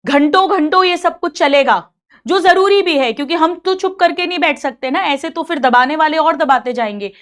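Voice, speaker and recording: A woman's voice: high-pitched, normal speed. A middle-aged woman teacher giving a caring, motherly talk to her students, mixing English phrases in and repeating herself for emphasis. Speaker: coaching teacher.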